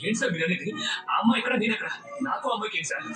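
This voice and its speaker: A man's voice: high voice, expressive, rapid-fire, loud music behind the voice. An actor playing an earnest, humble young man who pleads respectfully with his elders in a film scene. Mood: pleading. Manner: pleading, respectful, keeps saying sir. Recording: film audio played off a TV, roomy and distant, loud score.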